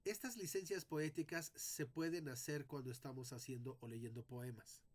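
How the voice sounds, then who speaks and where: A man teaching a lesson on poetic meter, speaking deliberately and sounding out syllables one by one as he explains. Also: mid-range voice. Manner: addresses students directly.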